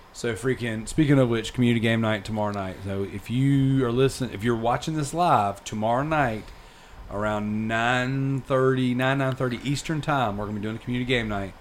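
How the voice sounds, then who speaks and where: A man in his thirties hosting a podcast, telling a long story in casual chat, rambling and animated with plenty of fillers. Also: on the low side, a little hiss or hum. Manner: rambling and animated, lots of fillers like dude and freaking. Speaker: podcast host.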